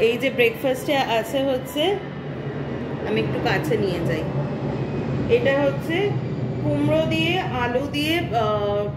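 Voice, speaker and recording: A woman with a high voice chats her way through a casual vlog, explaining things to her viewers and filling pauses as she goes. The recording carries clear background noise. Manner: chatty, explaining to viewers with frequent fillers. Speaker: vlogger.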